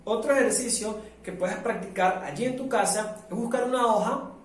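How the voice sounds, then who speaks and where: A man from Venezuela teaching a live online public speaking workshop, lively and demonstrative, acting out the sounds he describes. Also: high-pitched, moderate pace, a little hiss or hum. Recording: very echoey room, mic at a distance.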